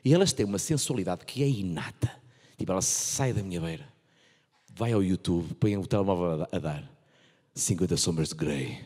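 A man in his thirties with a European Portuguese accent, doing animated stand-up into a handheld mic on a large theatre stage. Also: deep voice, moderate pace, slightly rough, big-room sound. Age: 30s. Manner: animated, repeats and restarts phrases for effect. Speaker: stand-up comedian. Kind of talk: stand-up comedy routine. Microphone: handheld microphone.

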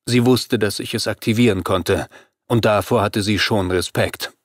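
A man's voice: lowish voice, fairly even intonation, moderate pace, dry recording, clean studio sound. Man narrating a horror audiobook. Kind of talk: scripted first-person narration.

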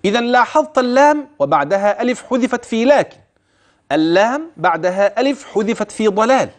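A man with an Egyptian accent teaching tajweed, slowly drawing out words to demonstrate pronunciation between explanations and asking the listener questions. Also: sits high, expressive. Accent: Egyptian Arabic. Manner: asks the listener questions and answers himself. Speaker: Quran recitation teacher. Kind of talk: tajweed lesson on a religious TV channel.

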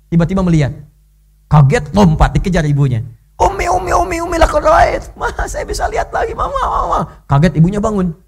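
An Indonesian man preaching in a mosque at a quick clip. His voice sits a little high, and his storytelling is animated. It rises sharply whenever he acts out a moment. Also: creaky. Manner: animated storytelling, leaps high when voicing characters. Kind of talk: sermon.

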